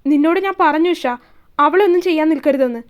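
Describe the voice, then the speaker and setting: A woman reads aloud the part of a brusque young man who is curt and scolding yet protective, sounding angry. The voice stays high and light for a man, with words clipped short and hard at a quick pace. The highs are cut off.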